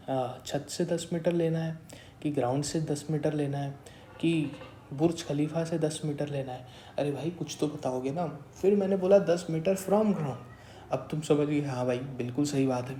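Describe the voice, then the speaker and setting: Young man, twenties, casual tutor, mellow tone, self-answering questions, echoey room. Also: on the high side, slight background noise. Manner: asks questions and answers them himself, calls listeners brother; repeats a stock phrase of agreement. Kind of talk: casual classroom explanation. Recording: roomy echo.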